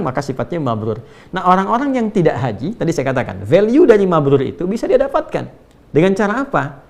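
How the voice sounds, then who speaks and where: A man's voice: on the high side, gravelly, a little mellow. A man preaching a religious lecture in a conversational way. He asks rhetorical questions, adds tag words like "ya", and recites Arabic verses in between his explanations. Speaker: Islamic preacher. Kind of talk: sermon-style religious lecture.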